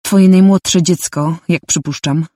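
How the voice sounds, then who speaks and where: A woman voicing a menacing, mocking male warrior leader in an audiobook, with a slow, taunting delivery. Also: lowish voice, fairly even intonation, warm tone, no room sound, clean studio sound.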